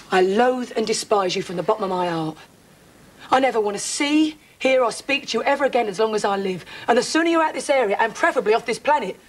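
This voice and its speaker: An actress playing a furious middle-aged woman, confronting an unwanted man in a TV drama, sharp and sarcastic. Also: fairly high pitch, poor audio. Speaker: soap opera character. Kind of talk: broadcast TV drama acting.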